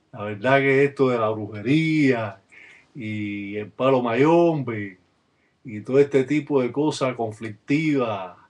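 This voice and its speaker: Man, webcam talk, practitioner explaining rituals, measured, fills pauses with "eh". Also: medium pitch. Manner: measured, with frequent "eh" fillers.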